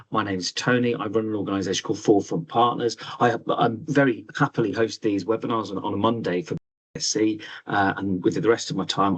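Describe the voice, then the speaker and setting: Over a video call with poor audio, a man with a lowish, slightly rough voice hosts an online webinar. His casual presentation is chatty and hesitant, packed with ums.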